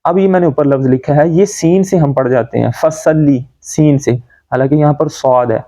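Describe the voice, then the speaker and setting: A man teaching correct Quran recitation, explaining common pronunciation mistakes and then reciting words slowly to demonstrate. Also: on the high side, warm tone. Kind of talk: tajweed lesson.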